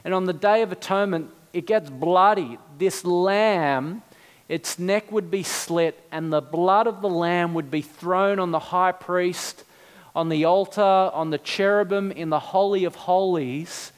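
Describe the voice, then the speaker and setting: A man preaching a sermon, earnest and building to fervent, slow emphasis on key words. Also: sits high, clear, resonant tone. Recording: long hall reverb.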